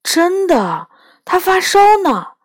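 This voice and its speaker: A woman's voice: very high voice, big pitch swings, slow, no room sound, studio quality, pitched above the performer's own voice, exaggerated voice. A woman reading a storybook aloud, voicing a fussy, squeamish schoolboy.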